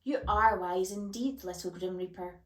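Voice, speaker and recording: A woman's voice: medium pitch, animated, a little slow. A woman voicing a solemn, stately male bookworm who proclaims his words in a storybook reading. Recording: roomy echo.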